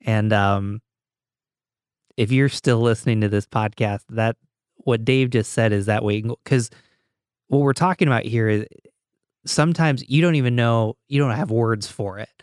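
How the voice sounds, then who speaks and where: A man's voice: mid-range voice, normal speed, darkish tone, clean tone, no room sound, clean studio sound. A man hosting a podcast, asking questions in a casual, conversational way with plenty of fillers. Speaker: podcast host.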